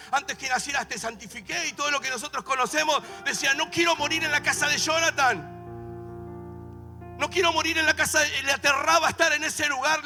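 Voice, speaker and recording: A middle-aged Argentine man preaching a sermon, with a Rioplatense accent, moving from quiet storytelling to shouted exhortation. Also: very high-pitched, creaky. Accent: Rioplatense Spanish. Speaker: pastor. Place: church. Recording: live church service with music underneath. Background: worship music.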